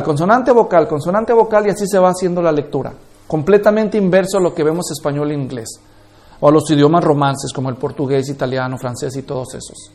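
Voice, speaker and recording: High-voiced man teaching a class. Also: darkish tone. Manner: explanatory, often checks that listeners follow. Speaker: Bible interpretation teacher. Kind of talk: classroom lecture.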